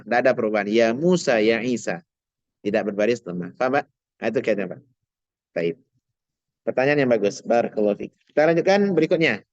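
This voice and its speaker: Guy teaching arabic grammar, kinda high voice, dry dull lo-fi sound. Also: a little mellow, no room sound. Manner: patient, asks students questions, slow drawn-out example words. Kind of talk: online grammar class.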